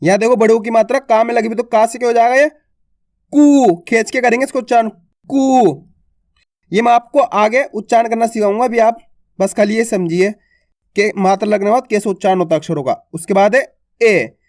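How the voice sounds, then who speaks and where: A man's voice: high voice, brisk, darkish tone, dry recording, clean studio sound. A man teaching an online lesson on Hindi letters, asking questions and answering them, and stretching out the vowel sounds as he repeats them.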